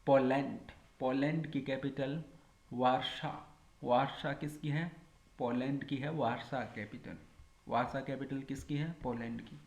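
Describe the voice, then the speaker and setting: A man's voice: mid-range voice, fairly even intonation, a little slow, vocal fry. Man drilling a repetitive lesson, echoey room. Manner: repeats each item as question and answer. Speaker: teacher.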